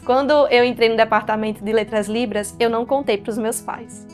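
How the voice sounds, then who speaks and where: A young Brazilian woman speaks in a fairly high voice, telling a personal story full of acted-out dialogue. She is a student recounting her life in an interview. Soft guitar music plays faintly behind her. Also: fairly even intonation, fairly quick. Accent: Brazilian Portuguese. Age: young adult. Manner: emotional, storytelling with quoted dialogue. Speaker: university student.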